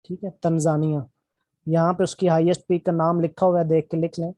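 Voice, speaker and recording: A man teaching a geography lesson, explaining slowly and repeating key points while checking the class follows. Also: on the high side, flat delivery, mellow, dry recording. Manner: explains slowly with constant check-ins and repetition. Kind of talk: classroom lecture.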